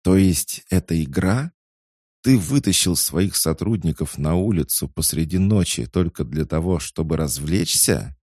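A man voicing an angry, sharp-tongued young woman mage who speaks in accusing, threatening tones. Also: low-pitched, lively intonation, a little slow, no room sound, studio quality, pitched above the performer's own voice. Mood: suspicious.

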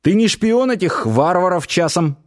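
A grumpy one-legged old warden grumbles in a gruff voice, as a male narrator puts him on. He speaks grudgingly and with suspicion, from an audiobook. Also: high voice, animated, moderate pace, voice pushed up. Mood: suspicious.

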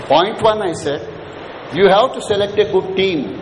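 With a high voice and an unhurried delivery, a man with an Indian accent teaches a management session to students in a big hall. He pushes the audience with questions and repeats what he's said. Echo fills the hall, and the background is clearly noisy.

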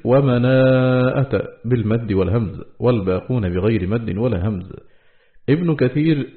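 Man reading an old scholarly book, slow and careful, kinda low voice, sounds like a phone line. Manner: steady, measured reading, slowing on quoted words. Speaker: audiobook reader. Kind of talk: reading a classical text on Quran recitations aloud. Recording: tinny phone-like audio.

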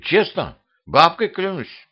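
A man's voice: fairly high pitch, huge pitch swings, slow, voice pushed up, full character voice. A man voicing a small, sly male house spirit who talks in a mewing, pleading way, read for a homemade audiobook. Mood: offended. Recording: slightly dull homemade audiobook recording.

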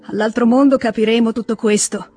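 A reader voicing an earnest, calm man reasoning with his brother in an Italian audiobook reading. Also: mid-range voice, moderate pace, soft background music, voice pushed up, lightly acted.

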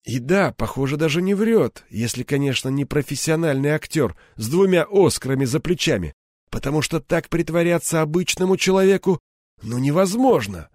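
A man's voice: a little high, expressive, moderate pace, a little mellow, no room sound, clean studio sound, voice pushed up. A man voicing a hardened male ex-cop turned criminal enforcer, who talks in a cold, threatening, mocking way. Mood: scornful.

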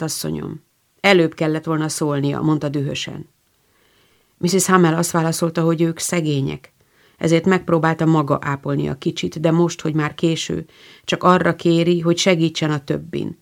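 Gravelly-voiced woman reading a storybook. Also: low-pitched, steady tone. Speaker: audiobook narrator. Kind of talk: scripted storybook narration.

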